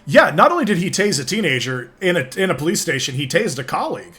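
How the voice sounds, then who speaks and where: High-voiced, animated man streaming a game. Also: fast, slightly rough, soft background music. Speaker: streamer voicing game characters. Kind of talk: casual banter and game dialogue read-aloud on a stream.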